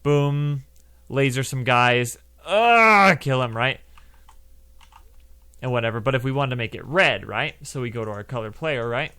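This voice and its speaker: A man's voice: mid-range voice, moderate pace, long pauses, bright, forceful tone. A young man hosting a casual coding tutorial, chatting loosely through each step with lots of fillers. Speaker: game development tutorial host.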